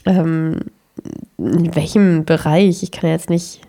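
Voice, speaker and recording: A woman co-hosting a casual podcast chat, hesitant and soft-spoken. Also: sits low, steady tone, takes it slowly, gravelly. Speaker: podcast co-host.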